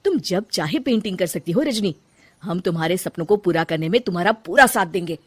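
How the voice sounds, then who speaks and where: A woman's voice: on the low side, expressive, fairly quick, breathy edge, no echo. A woman voicing a patient young husband who coaxes and pleads with his wife. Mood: pleading. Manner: soft coaxing, pleading questions.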